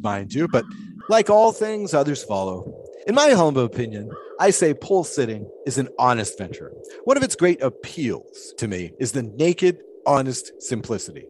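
In an audio drama, a male actor voices an eccentric, folksy 1920s flagpole sitter who loves philosophizing, sounding proud and musing. At a middle pitch, a little mellow and natural, he delivers long, pious reflections packed with old-time idiom, with background ambience and slight noise clearly behind him.

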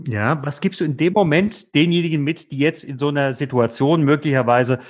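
A man's voice: a little high, brisk. Hesitant male interviewer. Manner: hesitant, filler-laden questions. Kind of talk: interview questions.

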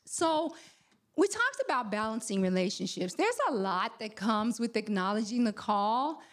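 A woman presenter giving a conference talk, measured and often pausing on fillers and restarts. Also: on the high side, expressive. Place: convention hall.

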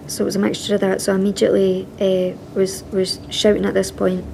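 A woman police officer giving inquiry testimony, recalling events in a halting way. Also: mid-range voice, monotone, creaky, mellow, a little hiss or hum, rough recording.

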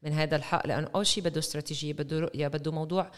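A woman's voice: deep voice, steady tone, racing. A woman with a Lebanese Arabic accent speaking as the interviewer in a conversational discussion. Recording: echoey hall with long reverb.

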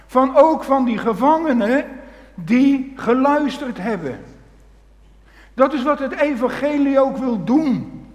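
Preacher in an echoing hall. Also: male voice, extremely high pitch. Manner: animated storytelling, swings from loud to hushed. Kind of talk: sermon. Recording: long hall reverb.

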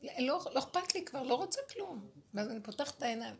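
A woman's voice: high voice, expressive, gravelly. A woman sharing spiritual experiences with a small group, impassioned and exasperated, often repeating her words. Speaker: group sharer.

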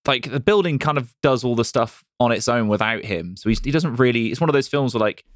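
Male host, expressive swooping delivery, close and dry sound, keeps asking the panel. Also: medium pitch, fairly quick, no echo. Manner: lively, many "like" fillers, asks the others questions. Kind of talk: casual chat.

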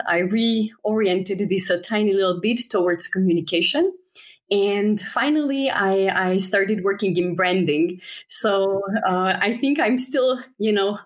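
A young adult woman from Slovenia, a guest talking thoughtfully in a casual interview, with many "you know" fillers. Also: medium pitch. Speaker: guest, travel startup co-founder.

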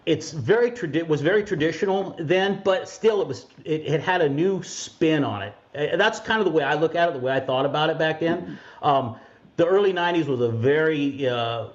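Guy hosting a podcast, halting and earnest, kinda muffled sound. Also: fairly high pitch. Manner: halting, earnest, many restarts. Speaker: podcast host. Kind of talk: casual interview.

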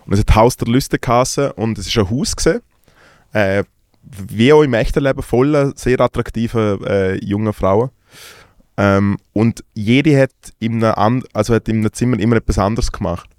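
Swiss german podcast dude, lowish voice, teasing, lots of ähs, dry mic. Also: male voice, normal speed, a little mellow, dry recording. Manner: joking, teasing, hesitant storyteller. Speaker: podcast co-host. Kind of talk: casual chat.

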